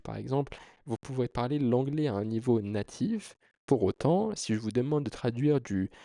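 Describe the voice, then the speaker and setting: Talking straight to camera, a man whose first language is French gives viewers an informal explanation, pressing his points earnestly and emphatically. The sound is dry and studio-clean, carrying his creaky, mellow, medium-pitched voice.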